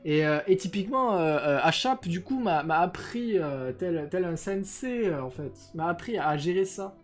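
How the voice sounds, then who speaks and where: A man's voice: sits high, animated, moderate pace, faint music behind. A young man streaming live, chatting casually and rambling with lots of hesitations and crude slang into a filtered desk microphone. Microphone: desk microphone with noise filters.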